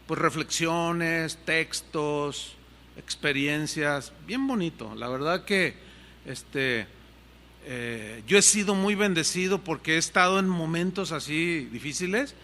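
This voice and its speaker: A man's voice: fairly high pitch, animated, slow pace, bright, forceful tone. An older man preaching a sermon as pastor in a church hall, earnest and conversational. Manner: conversational and earnest, shifting pace freely. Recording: reverberant hall sound.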